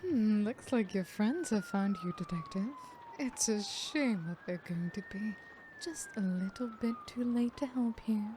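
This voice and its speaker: In an ASMR horror roleplay, a woman plays a sadistic, smug female serial killer, taunting in a theatrical, unhurried way and often slipping into breathy whispers. Her voice is mid-range but swoops wildly in pitch, and background noise can be heard.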